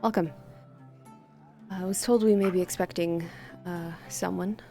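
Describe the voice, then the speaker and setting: A woman playing a robed clergyman who welcomes visitors with stiff, formal courtesy. The voice is low and gravelly, close to her own speaking voice, as in a tabletop fantasy session. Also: fairly even intonation, unhurried, warm tone, faint music behind. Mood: courteous. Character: robed male clergy member, formal greeter.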